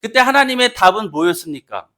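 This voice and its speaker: A man's voice: high voice, expressive, a little fast, sharp tone. A man preaching a Sunday sermon in a church, asking the congregation questions and acting out quoted speech. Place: church sanctuary.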